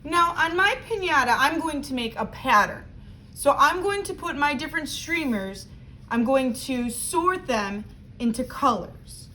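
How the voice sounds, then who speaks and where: A woman with a high voice speaks as a teacher to young children, giving simple craft instructions one step at a time. She addresses the children directly. There is clear noise behind her voice. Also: lively intonation, measured pace, pushed and bright, poor audio.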